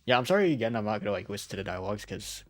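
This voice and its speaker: A man streaming his gameplay races along in a lowish, sing-song voice over the game's music. He's feeling unwell but stays chatty, laughs often, and swears casually, reading story summaries aloud as part of his live commentary.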